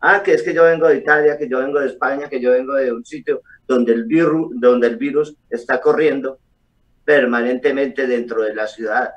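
A middle-aged man, a doctor, explaining calmly over a video call with frequent hesitations. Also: mid-range voice, normal speed, lo-fi sound. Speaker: doctor guest. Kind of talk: explanatory interview answers. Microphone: webcam on a video call. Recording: distant video call audio.

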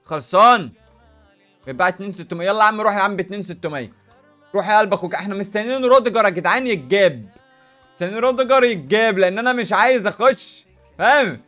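A young man with an Egyptian Arabic accent giving animated, slang-filled gameplay commentary as a gaming YouTuber. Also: high-pitched, soft background music. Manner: animated, rapid, hype-filled street slang.

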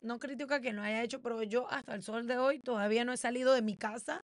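A woman's voice: fairly high pitch, steady tone, fast, dry recording, studio quality. A woman co-hosting a podcast, telling a story in casual chat and acting out the quoted voices with laughs. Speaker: podcast co-host.

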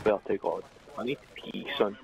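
A man's voice: fairly low pitch, normal speed, gravelly, background noise. A man chatting casually while playing a video game, joking and swearing a lot. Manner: joking, crude, excitable. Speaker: gamer. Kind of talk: casual gaming chat.

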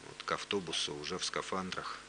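A man with a bass voice and fairly even intonation speaks fairly quickly as an expert guest in unscripted live commentary. He gives matter-of-fact explanations, with a faint hum and background noise in the recording.

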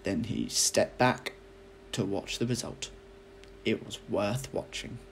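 A man, a teacher reading a children's audiobook aloud as an expressive storyteller. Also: fairly low pitch, slow, a little hiss or hum, rough recording.

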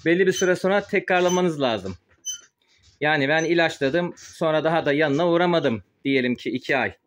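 A man's voice: on the high side, moderate pace. A man speaking through a face mask, slightly muffled, explaining informally as he works and films a casual poultry-keeping vlog. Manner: explains informally while working with a sprayer. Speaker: host of a poultry-keeping channel. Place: small wooden chicken coop. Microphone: handheld phone camera, held while working.

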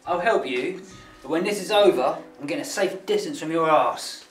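A man's voice: on the high side, lively intonation, moderate pace, lightly acted. Film drama: male actor as irritable, sardonic British petty crook, roomy off-mic sound with music. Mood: grudging. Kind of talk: naturalistic film acting. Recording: echoey room, distant mic, music behind.

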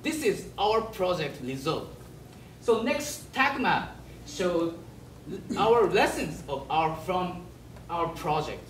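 Young Japanese-accented male presenter, earnest, slow, lively pitch, echoey distant room with faint noise. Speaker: student presenter. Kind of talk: project presentation.

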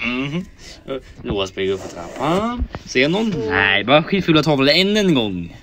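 A man doing playful game commentary, his pitch jumping up and down as he talks. He narrates each move and voices the character's thoughts in quick, jokey asides. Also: big pitch swings, a bit bright, slight background noise. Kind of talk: playful Let's Play commentary.

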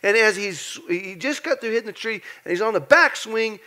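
A man preaching a lively, conversational sermon in church, animated and joking as he acts out the story. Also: high-pitched, normal speed. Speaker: pastor. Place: church sanctuary.

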